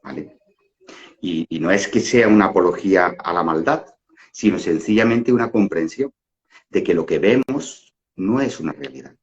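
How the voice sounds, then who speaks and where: A middle-aged man gives a casual spiritual talk, rambling with fillers and restarts and asking many rhetorical questions. His low-pitched voice has lively intonation and normal speed, captured in dull lo-fi audio.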